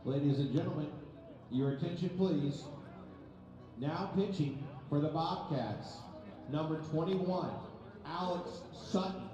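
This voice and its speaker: A man making formal public address announcements, heard through the stadium loudspeakers. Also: fairly high pitch, over music. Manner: measured, formal announcing cadence. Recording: echoey ballpark PA from far off, dull.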